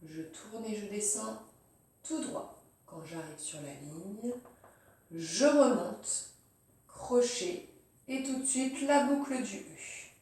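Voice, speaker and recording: A woman teacher calmly talking through handwriting strokes one step at a time, as a lesson demonstration. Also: medium pitch, slow pace, long pauses, far from the mic. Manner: calm, step-by-step, narrating each pen stroke. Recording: very roomy, voice off-mic.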